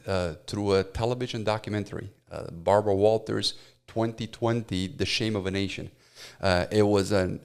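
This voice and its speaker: A man's voice: fairly low pitch, darkish tone, clear, resonant tone. A man in his forties, born in Romania and a native Romanian speaker, telling his life story as a podcast guest in an earnest, heartfelt way with many "uh" fillers. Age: 40s. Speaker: guest, professor. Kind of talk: personal testimony in a podcast interview.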